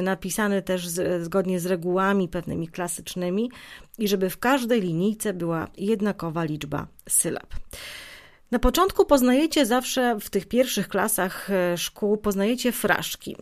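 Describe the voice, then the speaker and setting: A woman teaching a lesson, talking straight to her students. She explains patiently with frequent hesitations and fillers. Now and then she asks a question and answers it herself. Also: mid-range voice. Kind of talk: spoken lesson on poetry.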